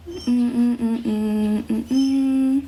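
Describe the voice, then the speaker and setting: Soft music plays behind a young Chinese woman from Guizhou as she speaks extremely slowly in a fairly high voice, casually answering viewers on her English-teaching livestream. Relaxed and chatty, she leans on fillers like "um" and "you know," and her Chinese accent carries a slight American tinge.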